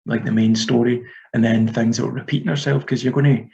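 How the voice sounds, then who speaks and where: A man's voice: mid-range voice, steady tone, brisk, vocal fry, darkish tone. A Scottish man in his thirties, an author talking through his writing in a hesitant, rambling way with many fillers. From Scotland. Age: 30s. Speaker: author being interviewed. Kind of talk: casual interview chat. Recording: dull lo-fi audio.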